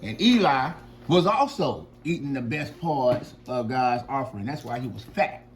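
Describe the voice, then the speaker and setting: A man casually retelling a Bible story to his children, lively and slangy, acting out the dialogue. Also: mid-range voice, moderate pace. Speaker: father telling a Bible story.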